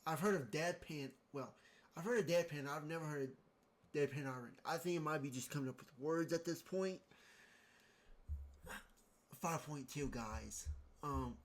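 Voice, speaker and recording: A man hosting a podcast, rambling and self-interrupting in an exasperated casual monologue while reading text aloud. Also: on the high side. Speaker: podcast host.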